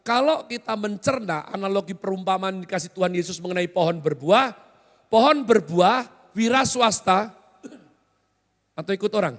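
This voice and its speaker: High-voiced joking pastor in a reverberant hall. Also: male voice, lively intonation, moderate pace, fairly bright tone. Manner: joking, conversational, often quizzes the congregation. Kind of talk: sermon. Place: large hotel hall used as church.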